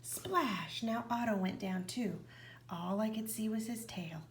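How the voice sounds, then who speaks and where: A woman reading a children's picture book aloud, with expressive narration that often drops to a whisper. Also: mid-range voice, unhurried, slight background noise. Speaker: reader.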